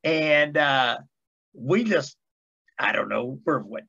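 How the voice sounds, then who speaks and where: A man's voice: medium pitch, lively intonation, takes it slowly, gravelly, pushed and bright, husky, lo-fi sound. A man in his fifties, an author guest, telling stories in a folksy, easygoing way with hesitant fillers. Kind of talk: casual interview chat.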